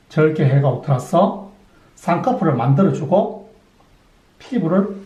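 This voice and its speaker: Middle-aged male surgeon, methodical explainer, slightly high, mellow tone, roomy sound. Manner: methodical, poses and answers his own questions. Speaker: plastic surgeon. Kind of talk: explanatory clinic talk.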